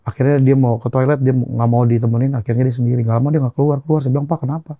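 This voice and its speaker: A young Indonesian man telling an emotional personal testimony as a guest, earnest and halting, repeating phrases as he goes. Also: mid-range voice, fairly even intonation, no room sound, highs cut off.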